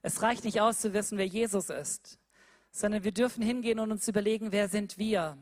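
This sermon moves fairly quickly, with the preacher repeating rhetorical questions and alternating forceful, loud declarations with soft, low passages.

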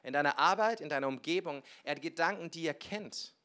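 A male pastor delivers a sermon with a slightly higher-pitched voice. He tells personal anecdotes in a lively, conversational way, acting out the people in his stories and sometimes breaking into loud bursts. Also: fairly quick, clear, resonant tone. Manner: lively storytelling, acting out dialogue with sudden loud outbursts.

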